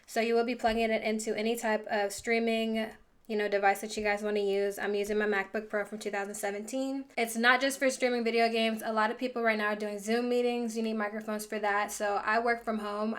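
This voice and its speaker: A woman's voice: fairly high pitch, a bit bright. A woman giving a casual product review in a plain, matter-of-fact way, with a dry close sound on a desktop microphone. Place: indoors at a desk. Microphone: desktop USB condenser microphone.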